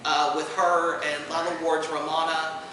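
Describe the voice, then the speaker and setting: A man hosting a fan convention panel explains things off the cuff, adding enthusiastic emphasis in an unscripted presentation. His voice is a little high with little pitch movement and a measured pace. He sounds distant in a very echoey room, with faint noise and a crowd in the background.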